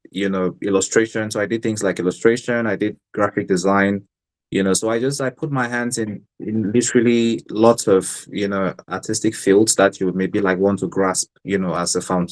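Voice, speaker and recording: A young man from Cameroon speaks as a guest on a video call. His voice sits very low. He answers in a relaxed, hesitant way, full of ums and restarts. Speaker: guest artist. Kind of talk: casual interview on a video call.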